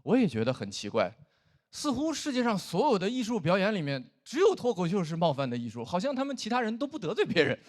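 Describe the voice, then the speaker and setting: Lively, high-pitched man hosting a comedy stage. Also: fast. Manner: animated, playful stage delivery. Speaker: stand-up comedy host. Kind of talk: stand-up comedy routine. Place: comedy stage before a live audience.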